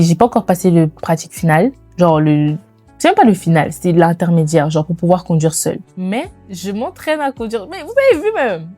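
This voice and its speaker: A lifestyle vlogger in her twenties who immigrated to Canada chats casually with her viewers. She's animated and informal, using slangy phrasing and mixing in bits of English. Her voice is on the high side, and background music plays behind her.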